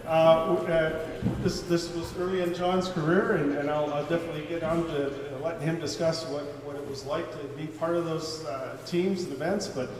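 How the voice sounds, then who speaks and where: A man's voice: on the high side, steady tone, normal speed. A man with a Canadian accent hosting a live Q&A, introducing his guest in a stumbling way with many fillers and repeated words. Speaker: event host. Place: banquet hall at a car show. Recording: very echoey hall heard from a distance, with noise.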